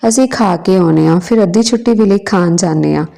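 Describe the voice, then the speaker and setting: A woman's voice: fairly low pitch, fast, vocal fry, warm tone. A woman voicing a timid young schoolgirl who apologizes to her teacher. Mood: worried. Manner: pleading, apologetic.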